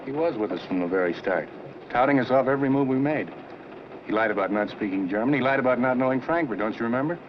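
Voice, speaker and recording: Actor as fast-talking, suspicious man, old film. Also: medium pitch, expressive, natural voice. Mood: suspicious, insistent. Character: suspicious, earnest American man on a European train. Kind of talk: 1940s film acting. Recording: muffled, noisy old film soundtrack.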